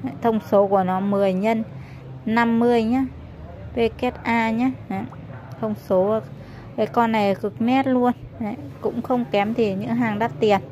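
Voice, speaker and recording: A woman shop seller giving an informal hard-sell product pitch, repeatedly urging a bargain. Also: steady tone, normal speed, darkish tone, slight background noise.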